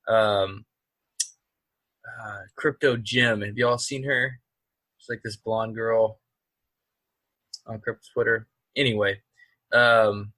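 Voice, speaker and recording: A man's voice: mid-range voice, pushed and bright, no echo. A man co-hosting a podcast, chatting casually and rambling with frequent restarts and fillers. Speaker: podcast co-host. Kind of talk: casual chat.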